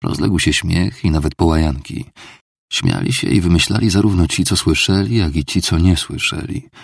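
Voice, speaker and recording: A man reading literary prose in a very low, gravelly voice with a husky edge. His measured delivery sits dry and close to the mic, with no room sound. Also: expressive, no room sound. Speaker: audiobook narrator. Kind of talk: scripted literary narration.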